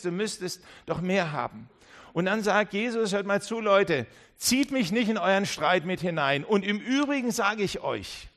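A man preaching a sermon. His voice sits a little high. He delivers with drama, rising to urgent warnings and dropping to hushed, low asides. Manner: dramatic, acts out voices in dialogue.

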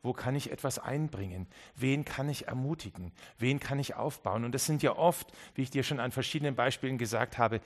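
A man preaching a Christmas sermon, speaking straight to the listener with many restarts and swings between quiet and emphatic passages. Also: medium pitch, a little fast, few pauses. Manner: earnest, direct address with many restarts.

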